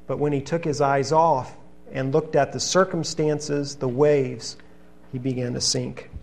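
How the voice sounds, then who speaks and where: A man preaching a sermon, reading scripture passages in an earnest, steady teaching manner. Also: mid-range voice, measured pace, vocal fry.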